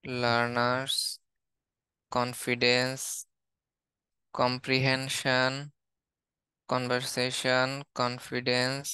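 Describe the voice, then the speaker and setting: Bangladeshi male English teacher, slow flat word-by-word listing, bright crisp close sound. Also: medium pitch, no echo. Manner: steady, listing words one by one. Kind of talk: reading out a word list in a lesson.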